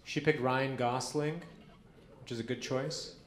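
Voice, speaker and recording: A man performing a stand-up comedy set on a club stage, telling stories in a deadpan way and acting out quoted dialogue. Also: medium pitch, a little slow. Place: comedy club stage before a live audience. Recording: roomy club with audience noise.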